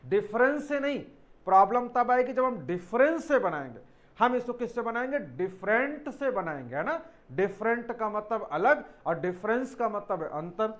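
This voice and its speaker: A man with a high-pitched voice teaches English spelling for exam preparation. He explains each word step by step and spells words out letter by letter, calling his students children.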